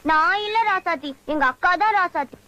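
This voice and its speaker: A young actress playing a sharp-tongued village girl who trades insults, in a film comedy scene. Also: very high-pitched, moderate pace, dry recording, muffled recording. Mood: feisty. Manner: retorts with insults. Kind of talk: Tamil film comedy acting.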